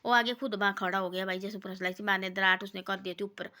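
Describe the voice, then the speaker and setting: Bright-voiced woman telling rambling moral tales. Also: fairly even intonation, brisk. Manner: rambling, repetitive, quotes people in a lower voice. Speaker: storyteller giving moral talks. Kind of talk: casual moralizing folk storytelling.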